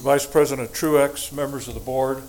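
A man's voice: mid-range voice, fairly even intonation, a little mellow, rough recording. Older man giving a formal public address. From United States. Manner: formal, deliberate, emphatic. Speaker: public commenter at school board meeting. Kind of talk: prepared public statement.

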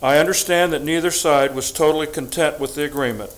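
An older man from the United States giving a prepared, formal statement to a school board, deliberate and emphatic. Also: a little high, fairly even intonation, poor audio. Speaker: public commenter at school board meeting.

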